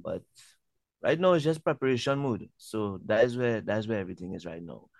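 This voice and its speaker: A man with a low, gravelly voice answers interview questions about music in an easygoing, loose way. He often circles back and repeats his words while he works out what to say. The sound is dry and close. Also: animated, fairly quick, a little mellow, no room sound. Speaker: music artist guest. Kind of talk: casual interview talk.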